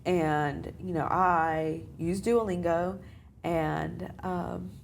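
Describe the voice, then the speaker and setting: A woman's voice: lowish voice, fairly even intonation, very slow, gravelly, slight background noise. A young American woman, a student, chatting casually in an interview with lots of filler phrases. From United States. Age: young adult. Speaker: study abroad student guest.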